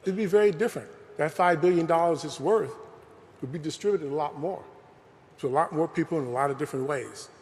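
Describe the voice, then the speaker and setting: A lecturer gives an earnest, conversational public talk in a large museum hall, where a long reverb trails his words. His voice is slightly high, a little mellow and a little fast, and he often says "you know."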